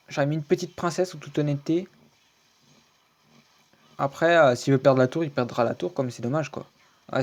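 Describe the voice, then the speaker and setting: A man's voice: fairly high pitch, a little mellow. Rambling young-sounding male game commentator. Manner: rambling and hesitant, full of fillers and restarts; keeps repeating stock phrases. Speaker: video game channel host. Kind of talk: casual gameplay commentary. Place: home screen recording, voice-over.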